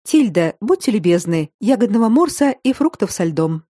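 An anxious, eager young noble lady, voiced by a woman reading aloud speaks in hurried, pleading tones. The voice is dark and mellow. It is recorded close and dry in a storybook reading. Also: mid-range voice, big pitch swings, no room sound.

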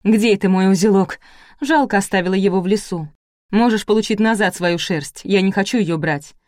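A woman's voice: mid-range voice, brisk, darkish tone, no echo, clean studio sound, close to an everyday voice. A woman reading aloud, voicing a spiteful, sly village gossip with a terse, biting manner.

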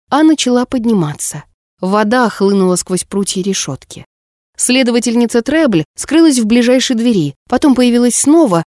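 A woman with a fairly high voice tells a story in a measured, expressive way. The recording is dry and close, with no room sound. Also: no room sound. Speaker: narrator. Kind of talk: audiobook narration.

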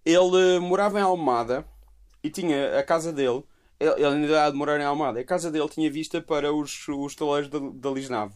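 Young man, high-pitched voice, slangy, casual chat, restarts sentences as he explains. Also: fairly quick. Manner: slangy, animated explaining with repeated starts. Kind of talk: casual music chat among friends.

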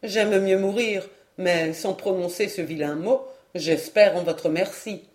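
A woman's voice: on the low side, measured pace, darkish tone, lightly acted. Woman reading a proud boastful knight. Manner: proud, courtly.

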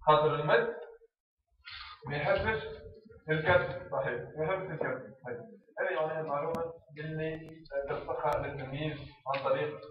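A man's voice: a little high, a little fast, pauses often. Man explaining in an echoey room. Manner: explains step by step, acts out teacher and pupil exchanges. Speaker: teacher trainer. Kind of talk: instructional talk on teaching reading. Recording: echoey, distant, slightly dull room recording.

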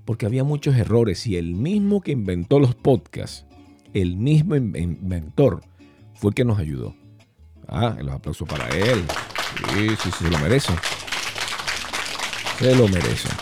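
A middle-aged man with a Venezuelan accent talks through his podcast in a playful, rambling way, slipping into voices for the slang he explains. His voice is deep and dark with a husky grain. Pitch leaps around lively, and soft guitar music plays underneath. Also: measured pace, pauses often. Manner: playful, jumps between topics, acts out quoted slang voices. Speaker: podcast host. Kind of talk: casual monologue podcast.

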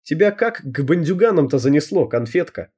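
A man's voice: a little high, very animated, a little fast, darkish tone, slightly rough, exaggerated voice. A man voicing a brash, bossy teenage girl gang leader with cocky street slang in an audiobook reading. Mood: sly.

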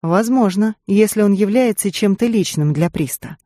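A reader voicing a tough, battered female agent who speaks tersely and gruffly. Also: medium pitch, normal speed, mellow, no echo, clean studio sound, close to an everyday voice.

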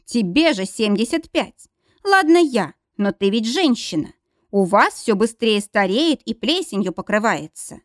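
A jealous, grumpy old man of seventy-five, as a woman narrator reads him, grumbling and sulking in a lively-pitched voice. The recording is dry and close. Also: unhurried, dry recording. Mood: sulky. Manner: grumbling, sulky.

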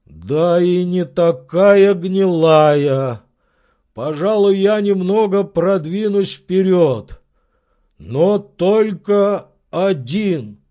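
A man reading an audiobook, voicing a sly old male servant who drawls loudly from far up. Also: sits high, expressive, voice pushed up, exaggerated voice. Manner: slow drawl, calls out from afar.

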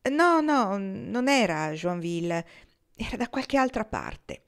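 A woman reading aloud, voicing a sly, charming man who smooth-talks strangers at a bar. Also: mid-range voice, very animated, takes it slowly. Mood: decided. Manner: smooth, ingratiating.

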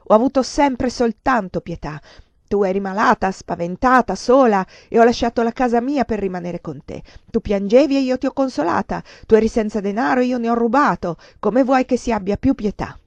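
A woman reading aloud, voicing a ruined, desperate man who shouts bitter accusations. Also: medium pitch, animated, moderate pace, dry recording, lightly acted. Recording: dull lo-fi dry recording.

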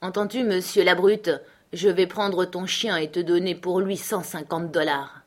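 A woman reading aloud, voicing a stern, commanding man who is quick to anger and speaks in a firm, threatening way. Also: fairly low pitch, steady tone.

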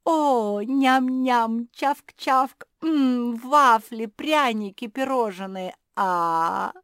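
A woman's voice: medium pitch, expressive, slow pace, no echo, studio quality, pitched above the performer's own voice. A woman voicing a greedy girl character who munches and chomps while she talks. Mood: greedy glee. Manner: loud, munching noises mid-speech. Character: greedy chomping female sweet-lover.

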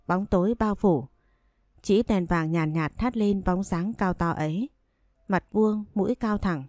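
Calm low-voiced woman storyteller. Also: no room sound, studio quality. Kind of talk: first-person story narration.

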